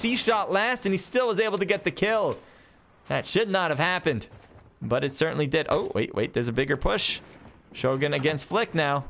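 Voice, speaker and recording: A man doing live play-by-play commentary on an esports match, calling action quickly and excitedly with chatty asides to himself. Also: on the high side, noisy background. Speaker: esports caster. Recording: game gunfire and vehicles behind voice.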